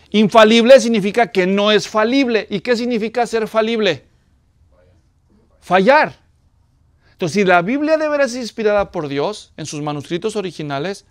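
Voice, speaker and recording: High-voiced man preaching a sermon. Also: no room sound. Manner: conversational teaching with questions to the congregation. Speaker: pastor.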